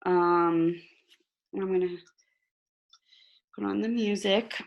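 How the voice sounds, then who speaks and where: A woman's voice: mid-range voice, steady tone, slow, gravelly, muffled recording, a little hiss or hum. A woman leading a guided meditation for a group, talking in an informal, instructional way. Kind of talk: casual chat with a group before a meditation; slow guided meditation from line 81.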